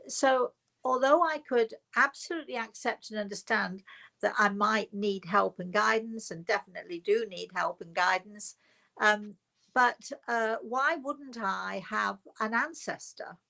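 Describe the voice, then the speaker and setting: Speaking unhurriedly in a mid-range voice with vocal fry and a sharp edge, a woman recounts her own story to an online audience. As a spiritual medium, she keeps it informal and emphatic, elongating and repeating words to drive points home.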